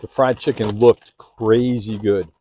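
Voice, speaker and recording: A man's voice: lowish voice, fairly even intonation, unhurried, mellow, highs cut off, slight background noise. A man hosting a casual food vlog, chatting as he eats, sometimes with his mouth full, filming one-handed in a parked car. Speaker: food vlogger. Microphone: handheld phone or camera.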